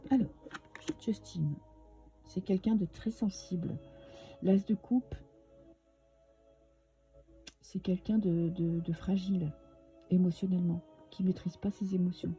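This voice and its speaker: Woman, French accent, tarot reader, very warm dark tone, hesitant chatty delivery, faint background music. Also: lowish voice, steady tone, unhurried, long pauses. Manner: chatty, hesitant, many fillers and restarts. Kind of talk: casual tarot reading monologue.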